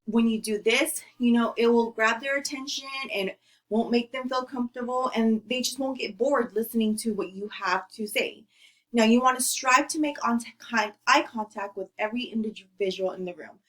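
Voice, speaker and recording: Chatty woman giving a presentation. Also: on the high side. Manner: chatty, many fillers and restarts. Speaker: student presenter. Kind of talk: informal presentation speech.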